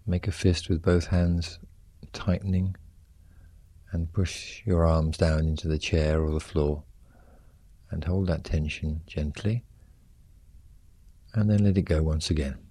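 A man leading a guided muscle relaxation exercise, giving gentle, soothing instructions in short, unhurried phrases. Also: extremely low pitch, fairly even intonation, breathy edge, dry recording.

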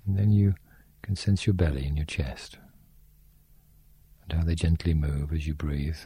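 A man guiding a sleep meditation in a slow, soft, soothing way. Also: a bass voice, husky.

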